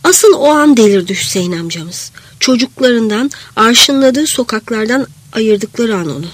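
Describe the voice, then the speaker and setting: A woman with a slightly high, breathy voice reads a first-person literary story aloud. Her delivery is reflective and lively in pitch, and at times it sinks to a near whisper. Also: moderate pace, dry recording. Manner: reflective, sometimes dropping to a whisper. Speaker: narrator.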